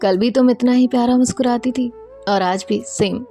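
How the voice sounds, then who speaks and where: A woman's voice: a little high, steady tone, normal speed, dark tone, soft background music, lightly acted. A woman voicing a playful, cheeky young woman who teases her friends. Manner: teasing, joking.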